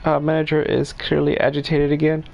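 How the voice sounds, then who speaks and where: A man's voice: a little high, monotone, brisk, vocal fry, highs cut off. A male streamer giving casual, laid-back gameplay commentary, laughing and cussing as he plays.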